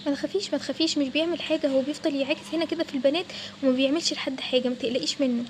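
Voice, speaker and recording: A woman's voice: high voice, steady tone, very fast, a little hiss or hum, natural voice. A woman voicing a kind Egyptian cafe worker. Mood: reassuring. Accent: Egyptian Arabic. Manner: reassuring.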